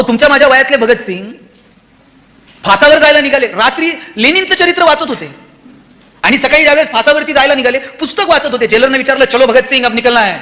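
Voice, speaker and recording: A man's voice: very high-pitched, sharp tone. A man giving a motivational speech to a hall of students, throwing rhetorical questions at the audience. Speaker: motivational speaker.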